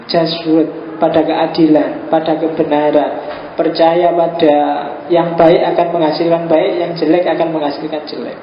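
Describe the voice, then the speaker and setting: A man giving an informal philosophy lecture, joking and acting out little dialogues. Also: fairly high pitch. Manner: joking, acts out quoted dialogue. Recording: echoey room, dull lo-fi sound with faint hiss.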